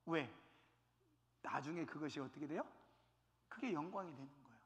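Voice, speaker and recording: High-voiced preacher in a reverberant church. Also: male voice, normal speed, a bit bright. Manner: asks the congregation questions, acts out quoted voices. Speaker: pastor. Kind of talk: sermon.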